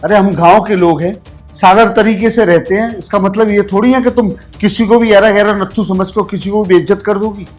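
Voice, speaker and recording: A stammering, high-voiced old father from the village, as a man acts him out. He pleads again and again to be believed, and holds on to his dignity when insulted. Faint music runs underneath. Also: steady tone, brisk, a little mellow. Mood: dignified scolding. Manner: pleading, repeats himself, stammers.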